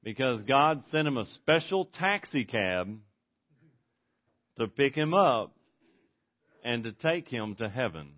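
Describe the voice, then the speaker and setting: A man preaching a sermon in an earnest manner, swinging between forceful and hushed delivery. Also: medium pitch, big pitch swings, slow, long pauses. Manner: earnest, varies volume widely, from forceful to hushed. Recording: dull lo-fi recording.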